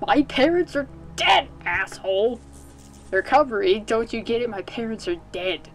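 A woman's voice: a little high, lively intonation, normal speed, faint music behind, close to an everyday voice. A woman voicing a grieving, defiant young girl who speaks in a sulky, bitter way. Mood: angry.

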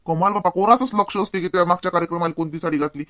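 Guy playing an annoyed varhadi husband, fast talker, highish voice. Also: a bit bright, dry recording, studio quality. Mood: exasperated. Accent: Varhadi Marathi. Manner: exasperated, scolding. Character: exasperated husband, young adult.

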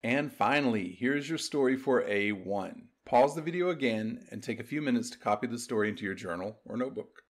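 A man narrating a recorded language lesson in a patient, step-by-step way. His voice sits at an ordinary middle pitch for a man. He reads scripted instructions clearly, like a classroom teacher. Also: lively intonation, fairly quick, few pauses.

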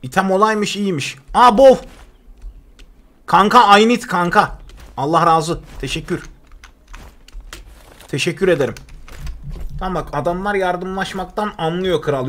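A young man with a fairly high voice gives live commentary while he plays, rambling to his viewers and teammates. He jokes around and bursts out loudly when something surprises him. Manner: chatty, joking, excitable outbursts. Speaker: gaming streamer.

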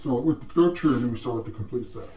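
A man talking through a gas mask, explaining gear in a relaxed, casual product demo. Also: medium pitch, rapid-fire. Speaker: shop owner showing gear. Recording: roomy, mic at a distance.

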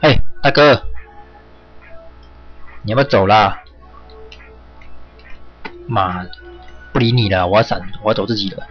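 A man's voice: on the low side, unhurried, pauses often. A man doing casual, cursing commentary while he plays a game, urging characters along. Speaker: gaming streamer. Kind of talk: live gameplay commentary. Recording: dull lo-fi with loud game music. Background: game music.

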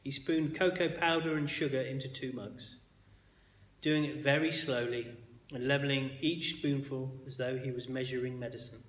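A man reading a children's book aloud as a bedtime story, expressive and sometimes dropping to a hush. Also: mid-range voice, normal speed. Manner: expressive, with hushed quiet passages. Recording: echoey hall with long reverb.

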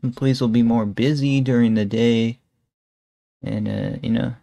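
With a medium-pitched, gravelly and warm voice, a young adult man talks at a normal speed and fairly even intonation, with no room sound. He's at home streaming a casual reaction on a headset and webcam, rambling and sprinkling in "bro" and "guys."

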